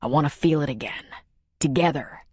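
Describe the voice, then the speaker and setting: A lovesick former marine pleads in a hushed, urgent voice, as a woman narrator lowers her own. The delivery sits low and quiet, close and dry, like an intimate audiobook scene. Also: brisk, slightly rough, dry recording. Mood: tender, pleading.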